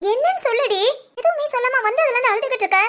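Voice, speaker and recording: A woman's voice: extremely high pitch, animated, quick pace, fairly bright tone. A woman voicing a bossy, protective young friend in a cartoon, talking in a firm, scolding way. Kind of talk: cartoon voice acting.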